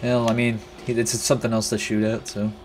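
A man's voice: medium pitch, level tone, brisk, darkish tone, slight background noise. Laid-back man joking in game chat. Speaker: gamer. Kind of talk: casual gaming chat.

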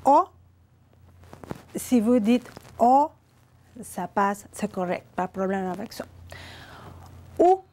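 A woman with a Quebec French accent gives a televised language lesson, speaking slowly and reassuringly. Her voice sits fairly high and she repeats points so they sink in. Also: a little mellow. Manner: patient, reassuring explanation with repetition. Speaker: Spanish teacher on a local TV show.

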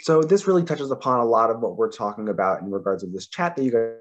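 A man's voice: mid-range voice, lively intonation, quick pace. A man co-presenting an online webinar, his audio glitching and cutting out mid-sentence, with a loose, filler-heavy way of talking. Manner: loose, frequent "you know" fillers. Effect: audio cutting out, glitchy dropouts. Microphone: video call. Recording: dull lo-fi video call audio.

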